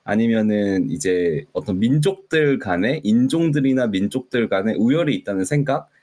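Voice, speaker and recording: A man's voice: fairly low pitch, animated, normal speed, warm tone. A man co-hosting a casual podcast, explaining at length with many fillers. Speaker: podcast co-host.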